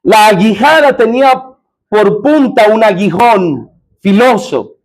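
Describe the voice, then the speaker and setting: A man's voice: high voice, expressive, takes it slowly. A man preaching a sermon as pastor in a church, often asking the congregation questions.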